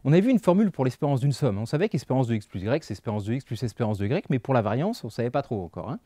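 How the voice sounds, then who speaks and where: A man explaining math to adult learners in a relaxed, conversational way, full of fillers and asides. His voice is mellow and warm. The recording is dry and close. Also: mid-range voice, racing, no room sound. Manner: casual, chatty, thinks aloud with fillers. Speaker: math teacher. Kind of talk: lecturing over slides.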